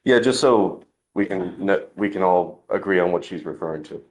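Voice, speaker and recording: A man speaking as a defense lawyer in a courtroom recording, halting and restarting his phrases. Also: deep voice. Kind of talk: courtroom argument and questioning, courtroom recording.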